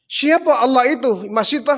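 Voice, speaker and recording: Man doing a furious tyrant king, yelling high and loud, big reverb hall. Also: normal speed, exaggerated voice. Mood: interrogating. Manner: shouting, interrogating, threatening. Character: arrogant furious ancient king, male, tyrant.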